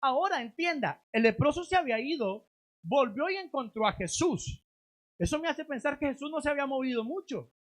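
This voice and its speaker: In a church sanctuary, a male pastor delivers a sermon with lively intonation, building to loud, emphatic lines before sinking into low, drawn-out endings.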